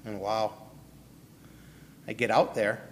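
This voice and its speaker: Slow and level in tone, a male pastor from Milwaukee preaches in a fairly low voice, recounting his testimony, questioning the listeners and naming them one by one. A little hiss or hum sits under the recording, which has long hall reverb.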